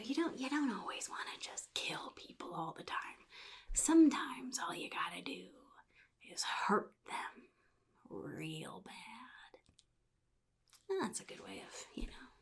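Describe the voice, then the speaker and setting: A woman voicing the Joker, a chaotic, sadistic male crime mastermind, in a soft-spoken ASMR roleplay with a breathy, halting, casually menacing drawl. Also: mid-range voice, heavily acted. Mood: relishing menace. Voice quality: breathy, husky, gravelly whisper.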